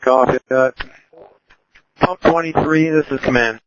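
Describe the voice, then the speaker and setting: Man giving orders over two-way radio. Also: mid-range voice. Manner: calm, directive, halting with fillers. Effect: heard over a two-way radio. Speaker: fire incident commander. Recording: muffled lo-fi radio with faint hiss.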